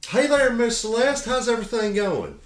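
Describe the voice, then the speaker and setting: A man's voice: very high voice, lively intonation, normal speed, pitched above the performer's own voice. A man doing a crude cowboy with a country drawl. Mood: aggrieved. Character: rough male frontier cowboy, crude and folksy. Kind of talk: tabletop role-play. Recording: echoey room with faint noise.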